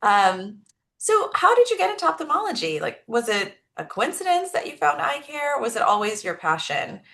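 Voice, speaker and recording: A woman's voice: high voice, very animated, normal speed, creaky, pushed and bright. A woman hosting an online interview who introduces the guest and asks questions in a friendly, upbeat way. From California. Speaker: interview host.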